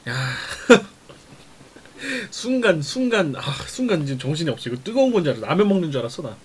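Animated young man streaming while eating. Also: on the high side, fairly quick, breathy edge. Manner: reacts to viewer chat, teasing and laughing; mutters between bites. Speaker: mukbang streamer.

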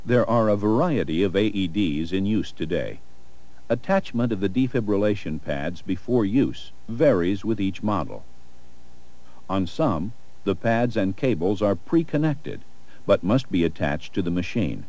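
Mellow, low male instructional narrator. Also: lively intonation, measured pace. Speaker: narrator of a first aid training video.

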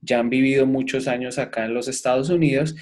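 A man's voice: mid-range voice, fairly even intonation, a little fast, darkish tone. Colombian guy on a video call, earnest, walks folks through it step by step. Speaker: accountant and seminar presenter. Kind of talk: video call seminar talk. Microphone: webcam on a video call.

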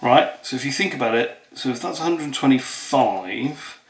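A playful man talks through a home baking session, joking as he explains each step. The room is bright with echo, and pots, cutlery and dishes clatter clearly behind him. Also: medium pitch, lively intonation, moderate pace, a little hiss or hum. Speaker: father and vlogger. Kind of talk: casual home cooking vlog. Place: home kitchen. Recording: echoey kitchen with clattering dishes. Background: clinking cutlery, pots and dishes.

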